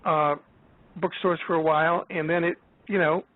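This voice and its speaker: A man in his seventies speaks as a guest over a thin, phone-like line. His voice sits a little higher than most men's. He talks haltingly, circling back with fillers and restarts. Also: level tone, dry recording. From United States. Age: 70s. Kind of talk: casual chat.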